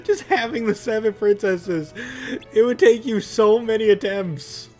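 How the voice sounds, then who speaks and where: High-voiced young man doing jokey game commentary. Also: unhurried, dark tone, faint music behind. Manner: rambling, jokey, mock-exasperated. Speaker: let's play host. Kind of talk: casual gameplay commentary.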